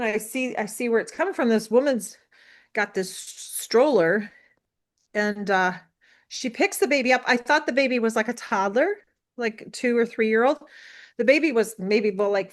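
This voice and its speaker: A woman in her sixties from the United States, telling a story as an interview guest in an animated, rambling way with many fillers. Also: on the high side. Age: 60s. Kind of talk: casual storytelling.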